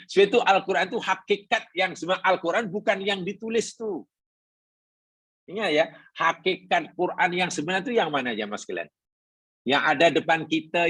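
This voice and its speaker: Man, Malaysian Malay accent, religious teacher, husky, dry close sound, patient repetitive explaining. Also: a little high, fairly bright tone, no room sound. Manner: explains patiently, repeats points, asks the audience questions. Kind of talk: Quran class lecture.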